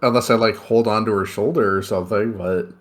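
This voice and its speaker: A man's voice: fairly low pitch, steady tone, brisk. Casual man at a game table.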